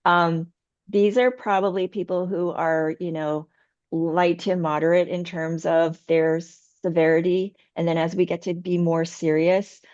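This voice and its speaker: A woman herbalist answering questions after her conference talk, earnest and full of ums, her voice going hoarse. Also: lowish voice, little pitch movement, a little slow, no echo, highs cut off. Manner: warm, earnest, hesitant with many ums. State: losing her voice. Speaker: TCM herbalist presenter.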